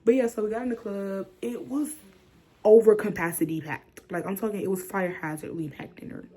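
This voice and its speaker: A young woman from the chatting casually through a storytime vlog, dropping into whispers and jumping high when she acts out what people said. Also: a little fast. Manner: animated, acts out quotes with sudden whispers and high squeals. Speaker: vlogger.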